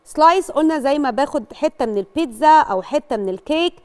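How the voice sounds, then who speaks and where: A woman's voice: high-pitched, lively intonation, fast talker. A woman with an Egyptian Arabic accent teaching young pupils English, sounding out words carefully and switching between Arabic and English as she encourages them. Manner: encouraging, addresses pupils directly. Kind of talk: classroom lesson for children.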